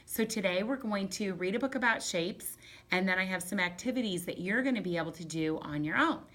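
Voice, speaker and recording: A woman teacher giving a home lesson to young children. She reads aloud slowly in a sing-song way and gives bright, encouraging step-by-step directions. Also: medium pitch. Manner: slow, sing-song read-aloud with drawn-out words.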